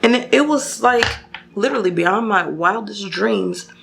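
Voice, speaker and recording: A woman's voice: mid-range voice, animated, a little slow, gravelly, a bit bright, soft background music. A young woman telling a personal story to her viewers while doing her makeup, casual and chatty with lots of fillers and restarts. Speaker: beauty vlogger.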